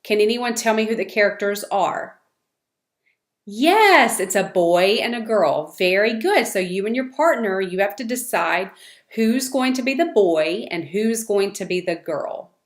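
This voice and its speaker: A woman teaching a reading lesson, speaking clearly and encouragingly and modelling rising question intonation. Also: medium pitch, lively intonation, a little slow. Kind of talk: classroom lesson.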